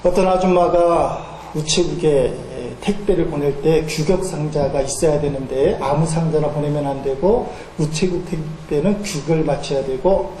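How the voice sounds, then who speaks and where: A male pastor tells folksy anecdotes in a sermon, sprinkling in fillers and acting out the voices of the people in his stories. His voice sits high for a man. It rings through a reverberant church hall over faint room noise. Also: dark tone. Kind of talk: sermon with storytelling. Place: church sanctuary.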